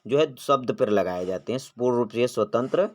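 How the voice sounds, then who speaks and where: A man's voice: medium pitch, animated, a little fast. A man teaching an exam-prep grammar lesson, posing questions and answering them himself, drawing out vowel sounds when he demonstrates them.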